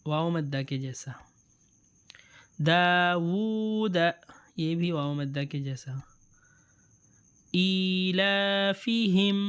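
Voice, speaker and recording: Smooth-voiced man teaching letters slowly. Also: a little high. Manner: drawls letters and words slowly, then explains quickly; patient, repeats sounds for the learner. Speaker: Quran reading teacher. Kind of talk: step-by-step reading lesson.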